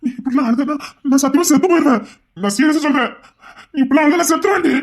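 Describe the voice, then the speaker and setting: A performer voicing a devoted young husband who swears loyalty to his crying wife and scolds others loudly, in a Tamil romance audio drama. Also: high-pitched, fast. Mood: pleading, scolding.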